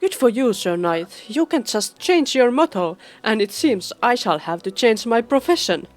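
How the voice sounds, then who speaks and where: A woman voicing a pompous, exasperated gnome in a video game who breaks into shrill, theatrical cries. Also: lively intonation, normal speed, soft background music, natural voice.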